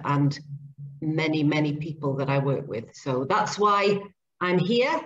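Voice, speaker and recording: A middle-aged woman, a speech and language therapist, talking earnestly at length as a guest on a video-call interview from her home kitchen. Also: deep voice. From grew up in Zambia and Papua New Guinea. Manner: chatty, earnest, explains at length. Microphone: laptop webcam mic on video call. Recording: dull lo-fi call audio, faint noise.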